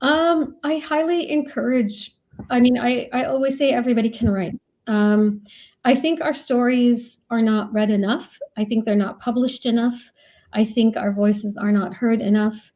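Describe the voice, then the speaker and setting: Speaking at a normal speed in a slightly high, steady, a little mellow voice, an Iraqi woman who writes and teaches as a professor is being interviewed. Her answers come across as thoughtful and reflective, with a conversational feel.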